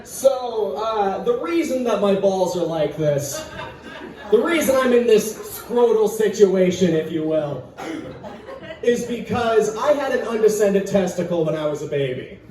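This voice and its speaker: A man performing a self-deprecating stand-up comedy set in a pub, shouting some punchlines. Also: high-pitched, animated, a little slow, crowd noise. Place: live venue in a pub. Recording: echoey room from far off. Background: audience laughing.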